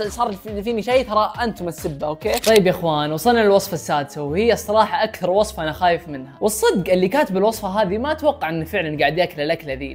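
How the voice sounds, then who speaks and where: A young man, chatting casually and jokily as he tries out food recipes on camera, with animated exclamations. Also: high voice. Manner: animated, jokey, exclaims while tasting. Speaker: food challenge YouTuber. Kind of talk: casual vlog chat.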